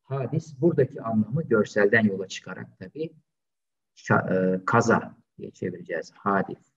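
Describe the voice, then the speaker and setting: A man teaching an online language lesson, slowly drilling pronunciation and patiently repeating each word several times. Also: fairly low pitch, gravelly, a bit bright. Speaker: Arabic teacher. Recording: distant, dull lo-fi sound.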